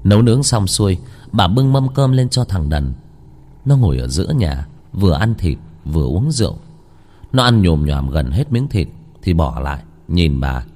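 A man reading a ghost story aloud in measured, dramatic storytelling. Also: deep voice, sing-song, mellow. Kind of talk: scripted ghost-story narration.

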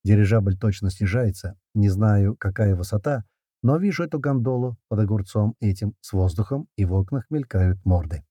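A man reading an action story aloud in the first person, with brisk, slangy narration and shouted lines for the characters. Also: on the low side, animated, husky, no room sound. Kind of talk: audiobook narration with character voices.

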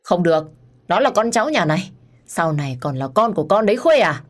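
A woman voicing an angry, sharp-tongued older mother-in-law who scolds and accuses in a storybook reading. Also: fairly low pitch, very animated, fairly quick. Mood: panicked.

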